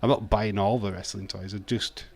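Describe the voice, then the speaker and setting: Speaking in a steady, lowish voice, a Yorkshire-born streamer with a thick local accent talks casually through a live watch-along. He swears freely, reads the chat's comments out loud, and keeps plugging gaps with "uh" and "um."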